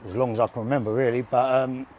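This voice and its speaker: Male, 40s, London accent, medium pitch, colloquial boxer chatting with false starts, faint gym noise behind. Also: little pitch movement, fast talker, a little mellow. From west London and Surrey, England. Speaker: bare-knuckle boxer, interview guest. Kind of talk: casual chat. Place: indoors in a gym.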